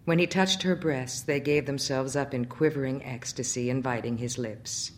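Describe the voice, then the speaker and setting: A woman with a notably low voice reads a literary story aloud. Her narration is measured and expressive, paced for listening. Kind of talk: audiobook story reading.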